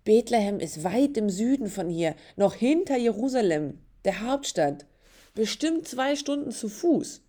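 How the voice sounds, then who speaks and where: A woman voicing a gentle young pregnant woman in a storybook reading. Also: on the high side, big pitch swings, a little slow, pitched above the performer's own voice. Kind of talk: storybook narration.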